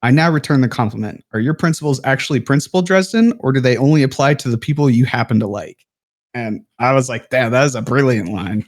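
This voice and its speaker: A man's voice: medium pitch, quick pace. Easygoing man chatting about books. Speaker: podcast guest. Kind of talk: casual book discussion.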